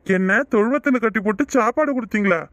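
A man's voice: high voice, fast, fairly bright tone, dry recording. A man voicing a puzzled village clerk. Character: village council clerk taking a household count.

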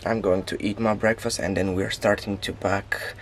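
A man's voice: on the low side, flat delivery, moderate pace, noisy background. A man vlogging casually with a groggy morning voice, chatting loosely inside a small caravan on a handheld camera. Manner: chatty, loose, repeats "like" and "yeah". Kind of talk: casual vlog tour. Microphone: handheld vlog camera.

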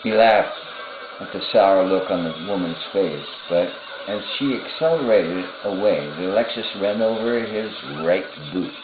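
Deep-voiced man reading his novel, tinny. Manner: unhurried, pausing, with asides to himself. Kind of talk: casual reading aloud of a novel. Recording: tinny phone-like sound in an echoey room. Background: music.

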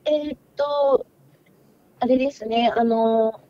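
A woman's voice: fairly high pitch, fairly even intonation, takes it slowly, lo-fi sound. A woman joining a radio show remotely as a guest, giving brief, polite answers. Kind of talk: casual radio interview. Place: remote, in Nagoya.

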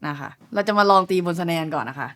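A young woman with a low voice talks through a drum lesson. She is polite and patient, breaking each idea into small steps and counting beats aloud. Faint clicking sounds sit under her voice. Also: quick pace, background noise. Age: young adult. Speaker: drum teacher. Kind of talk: relaxed video lesson.

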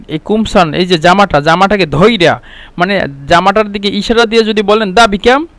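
A man's voice: high-pitched, fairly bright tone, dry recording. A man teaching Arabic phrases, saying each one several times and then translating it. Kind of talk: explaining Arabic phrases in Bengali.

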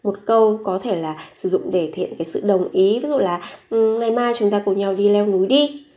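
Lady teaching korean phrases, says each one slow a few times then explains it. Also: mid-range voice, dark tone. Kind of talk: bilingual language lesson.

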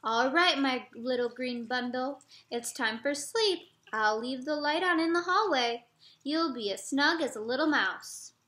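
A woman voicing a tired, patient frog father in a storybook read-aloud, soothing and gently weary. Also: high voice, animated, measured pace, roomy sound, exaggerated voice.

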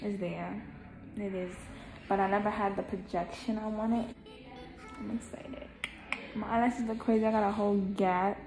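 A young woman vlogging in a chatty, slangy, excitable way while talking through a face mask. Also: medium pitch, normal speed, pauses often, over music, low-quality recording. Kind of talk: casual vlog chat to camera.

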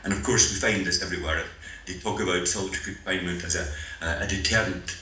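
An older Scottish man speaking by video link at a conference, lecturing in a measured, dryly humorous way. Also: low voice, steady tone, pushed and bright. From Scotland. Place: meeting room, voice played over speakers. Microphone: video call. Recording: roomy hall with faint noise.

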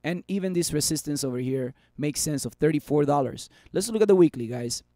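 This thirties-aged streamer reads viewer comments while commenting live on stock charts, staying chatty and upbeat despite a voice that's giving out from overuse. He talks a little fast, with a fairly high, mellow, expressive voice. He's at a desk in a small room, captured with studio quality and no echo.

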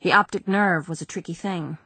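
A woman reads a novel aloud in a measured, subdued way. Her voice is low and husky, recorded dry and close with no room sound. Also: bright, forceful tone, no room sound. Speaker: audiobook narrator. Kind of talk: scripted narration.

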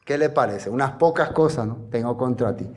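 A man preaching a sermon in a lively storytelling manner, full of rhetorical questions. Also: medium pitch, moderate pace. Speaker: pastor.

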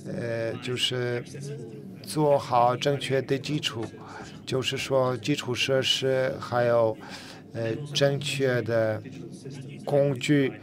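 Halting male conference interpreter, crowd behind. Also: medium pitch, steady tone. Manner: halting, many fillers and repeated words. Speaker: simultaneous interpreter. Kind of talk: simultaneous interpretation of a panel.

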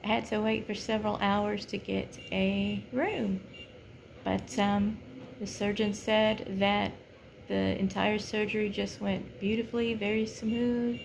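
A middle-aged American woman with a gravelly fry in her voice talks casually to her phone. She sounds subdued and halting, resting after surgery, and room noise runs behind her in the small space. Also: mid-range voice, little pitch movement. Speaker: vlogger. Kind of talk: casual video diary. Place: small hospital room, in bed. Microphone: phone at arm's length.

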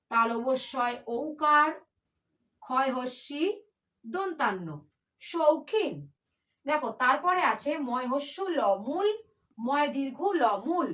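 A woman's voice: sits high, lively intonation, unhurried, long pauses, fairly bright tone. A woman teaching a children's spelling class in a patient, coaxing way, spelling words out letter by letter.

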